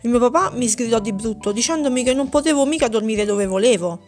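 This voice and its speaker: A woman's voice: fairly high pitch, animated, fast talker, a little mellow, natural voice. A woman voicing an insecure young male hare. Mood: plaintive. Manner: plaintive, defensive.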